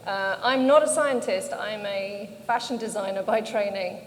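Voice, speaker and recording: A middle-aged British woman who founded an organization shares her story conversationally as a panel speaker. She talks at medium pitch and normal speed, in an echoey hall with background noise.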